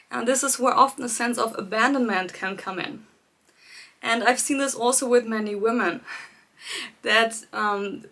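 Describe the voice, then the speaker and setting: Greeting her viewers by name, a life coach talks straight to them on a livestream as part of a live challenge she's hosting. She has a slightly high voice and a gentle, reflective manner, with soft laughs slipping in between her points.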